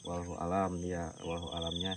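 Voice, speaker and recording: A man with a Sundanese accent, talking casually and haltingly as host of a night exploration vlog. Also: deep voice, monotone, recorded from a distance. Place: outdoors at a shrine cemetery at night. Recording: outdoor night recording, loud insect noise.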